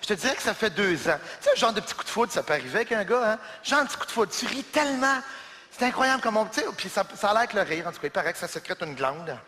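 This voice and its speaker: A man's voice: sits high, big pitch swings, quick pace. A man hosting a gala, fondly introducing the next act. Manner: warm, affectionate introduction. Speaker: gala host. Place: large indoor theater stage. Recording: live theater stage with reverb.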